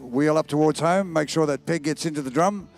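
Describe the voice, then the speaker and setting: A man with a croaky, slightly hoarse voice giving live commentary on horse sport as an event commentator. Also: on the high side, fairly quick. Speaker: race commentator.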